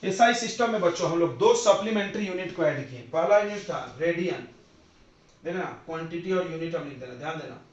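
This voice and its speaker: A male teacher lectures a class in physics, his voice pitched fairly high. He repeats himself, quizzes his students and spells out definitions slowly. The sound is a muffled, distant classroom recording with heavy echo. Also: animated. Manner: repetitive, quizzes students, dictates slowly word by word.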